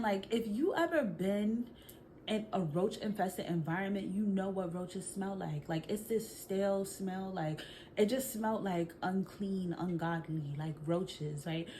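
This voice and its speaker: A young woman from Brooklyn, New York, telling a storytime vlog in an animated, chatty, slang-filled way, talking straight to her viewers. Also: medium pitch, a little hiss or hum. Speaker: vlogger.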